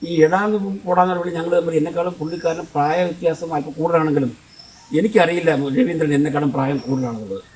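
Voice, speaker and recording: An older man with a Kollam Malayalam accent rattles through his memories at a quick clip, his voice sitting somewhat high for a man. He rambles and restarts mid-sentence. The mic is some distance away, so he sounds a little removed. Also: a little mellow. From Kollam, Kerala, India. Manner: rambling, conversational, with frequent restarts. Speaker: film director. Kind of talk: reminiscing storytelling.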